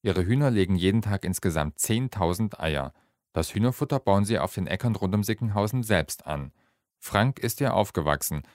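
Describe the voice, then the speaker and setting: A man reads a radio feature script in a calm, steady way. His voice sits very low. The delivery is measured and even. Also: dry recording, clean studio sound. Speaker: reporter.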